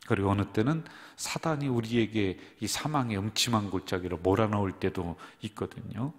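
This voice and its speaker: Low-voiced pastor preaching in a hall. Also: male voice, moderate pace. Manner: addresses the congregation directly, asks and answers his own questions. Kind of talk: sermon. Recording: long reverb of a church hall.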